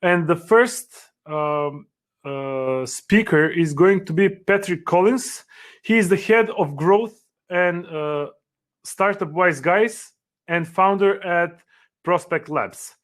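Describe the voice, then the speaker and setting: A man moderating an online conference, introducing a speaker and chatting with him in a halting way, full of fillers. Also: sits high, fairly bright tone. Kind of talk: introducing a speaker, casual chat. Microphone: video call.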